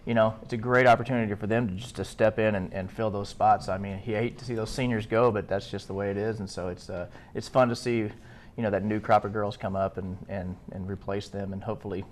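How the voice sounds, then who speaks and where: A man's voice: on the low side, fairly even intonation, quick pace. A man speaking as a head coach at a press conference, answering in an easygoing, conversational way.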